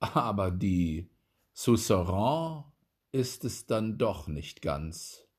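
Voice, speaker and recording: A man's voice: lowish voice, very animated, drawn-out words, darkish tone, breathy edge, full character voice. A man reading a fairy tale, voicing a sly, mocking foreign guest who speaks in a sneering, knowing manner.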